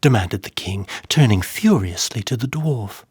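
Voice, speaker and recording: Man, dramatic story reading, measured, whispery drops, dry close sound. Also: fairly low pitch, expressive, a little mellow, husky, no room sound. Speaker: narrator.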